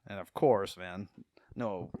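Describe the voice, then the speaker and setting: A man co-hosting a podcast, casually retelling comic book stories in an animated way, acting out the characters' lines and laughing often. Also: sits low, takes it slowly, no room sound, studio quality. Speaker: podcast co-host.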